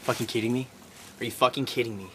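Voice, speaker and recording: A man's voice: mid-range voice, fairly even intonation, quick pace. A man on a forest hike, swearing in mock outrage during comic vlog banter, filmed on a handheld camera outdoors. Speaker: hiking companion. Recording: loud outdoor noise.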